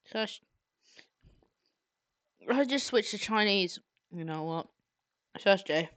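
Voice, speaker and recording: A woman livestreamer chats casually while drawing, rambling and half muttering to herself close to a streaming mic. Her medium-pitched voice is animated, slow, and fairly bright, with no echo.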